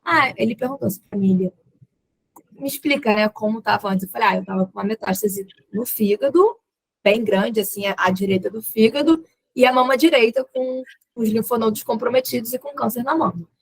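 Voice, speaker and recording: A woman's voice: on the high side, a little fast, breathy edge, dry recording, rough recording. A young adult woman with a Brazilian accent, a podcast guest telling a personal story and acting out the dialogue in it. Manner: lively retelling that acts out quoted dialogue, with laughs.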